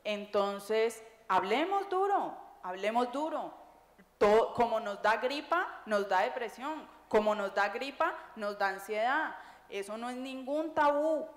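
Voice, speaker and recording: A woman, an author speaking on a public panel in a lively, joking, conversational way. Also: on the high side. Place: large echoey library hall. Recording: echoey hall with long reverb.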